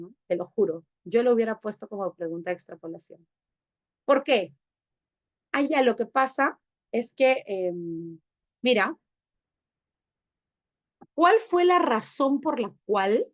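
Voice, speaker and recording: A woman teaching an online class, affectionate and coaxing, who keeps asking the students to confirm they follow. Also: fairly high pitch. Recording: dull lo-fi sound.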